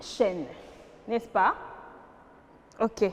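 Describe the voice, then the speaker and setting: Slow patient woman teaching a class. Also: mid-range voice, in a large hall. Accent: Congolese French. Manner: slow, patient, asks the class questions and repeats words. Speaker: primary school teacher. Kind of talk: classroom grammar lesson.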